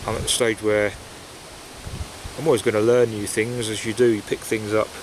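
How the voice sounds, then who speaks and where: Out among the trees, a man who vlogs with a pipe talks at normal speed, his voice on the low side and flat in delivery. His chat is casual and reflective, with hesitant, wandering phrasing. Basic equipment records the wind and rustling leaves.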